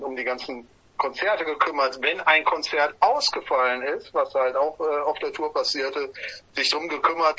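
A man's voice: medium pitch, pushed and bright, no echo, highs cut off. A man in a band telling about a tour in a radio interview, enthusiastic and full of filler sounds. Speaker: band musician guest.

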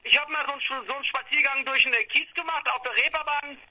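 A man's voice: extremely high pitch, fairly even intonation, fast, sharp tone, muffled recording. A man in his late twenties, a band member telling stories in a rambling way with many fillers. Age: 20s. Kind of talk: casual interview.

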